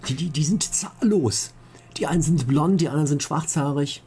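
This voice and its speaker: A man's voice: a little high, normal speed, mellow, husky. A man hosting a let's play, casually commentating and joking while reading out chat questions.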